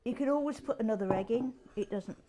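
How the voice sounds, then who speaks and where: An older woman from England with a Yorkshire accent hosts a casual cooking demonstration in her home kitchen. Her fairly high voice moves fast as she chats with rambling asides while working, over background noise.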